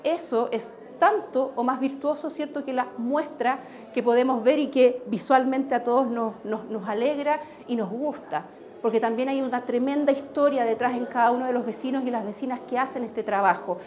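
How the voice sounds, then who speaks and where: A woman official in her thirties talks fluently in a high voice about community work, speaking in an official, measured register. She pauses now and then with small fillers. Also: darkish tone. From Chile. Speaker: regional government official. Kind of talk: news interview. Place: indoor exhibition room.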